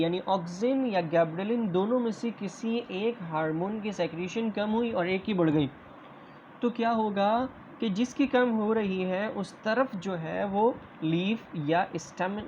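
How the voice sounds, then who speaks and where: A man's voice: sits high, darkish tone. A man teaching biology in a lecture style, asking questions and answering them himself and often checking that listeners follow. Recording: dull lo-fi recording with faint hiss.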